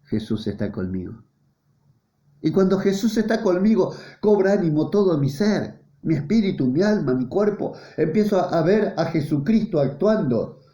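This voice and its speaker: A male pastor preaches an earnest, repetitive sermon with a mellow, dark tone. His pitch sits in the middle and keeps swelling and falling. The sound is roomy and a little dull, like a lo-fi church recording. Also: big pitch swings, moderate pace.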